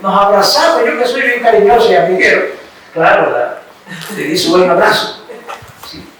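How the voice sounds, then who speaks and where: High-voiced Ecuadorian preacher in echoey hall. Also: male voice, animated, moderate pace, fairly bright tone. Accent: Ecuadorian Spanish. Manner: storytelling, checks in with listeners with "¿sí?" and "¿no?". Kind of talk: sermon with personal testimony. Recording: very echoey room, mic far off, faint hiss.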